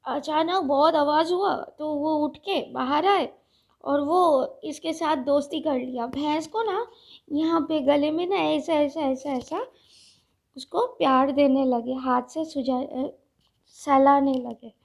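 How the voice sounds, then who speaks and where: Woman vlogger, casual unscripted chat, high voice, slow and deliberate, lots of fillers. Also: vocal fry. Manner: slow, deliberate talker with many fillers and restarts. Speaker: vlogger reviewing a reality show.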